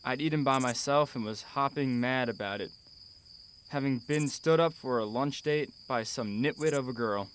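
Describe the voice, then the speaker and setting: In a radio drama, an actor plays a wistful, proud middle-aged father narrating a letter, sounding articulate, wry and formal. The mood is reflective. His natural voice sits at a medium pitch and moves at normal speed, with a little hiss or hum in the recording.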